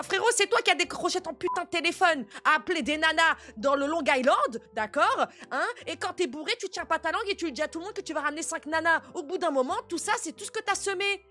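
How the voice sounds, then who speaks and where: Une jeune femme qui réagit à des vidéos, commentant avec indignation et beaucoup d'argot. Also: female voice, sits high. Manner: animated, outraged, slangy. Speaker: reaction video host. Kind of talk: casual reaction commentary.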